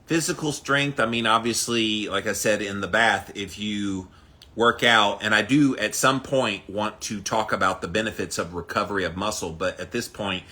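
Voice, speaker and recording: Forceful, low-pitched man on a livestream. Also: normal speed. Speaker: host of a daily ice bath challenge livestream. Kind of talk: casual livestream chat, greeting viewers by name.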